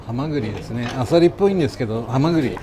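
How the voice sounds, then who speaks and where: Fast-talking Japanese restaurant chef, a man. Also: medium pitch, expressive. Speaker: sushi chef and restaurant owner. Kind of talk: casual polite talk with customers and staff at work. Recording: clear kitchen and restaurant background noise.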